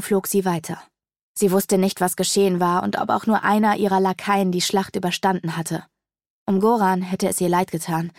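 A woman reading a fantasy audiobook aloud in a steady storytelling manner. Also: lowish voice, creaky, no echo, studio quality. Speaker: audiobook narrator. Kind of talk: scripted fantasy audiobook narration.

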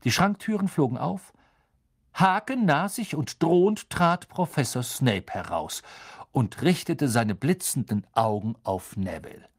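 Expressive male audiobook narrator. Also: medium pitch, unhurried, husky. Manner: expressive, dramatic reading with many voice shifts. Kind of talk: scripted narration.

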